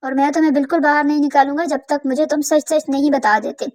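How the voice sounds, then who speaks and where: A woman's voice: high-pitched, little pitch movement, darkish tone, natural voice. A woman voicing a stern male police officer giving orders in a cartoon story. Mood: stern, urgent.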